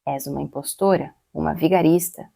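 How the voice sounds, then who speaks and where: A woman's voice: deep voice, steady tone, a little fast, gravelly, dark tone, husky, no echo, studio quality, full character voice. A woman voicing a stern, protective adoptive father in a storybook reading, speaking firmly and severely. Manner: severe, firm.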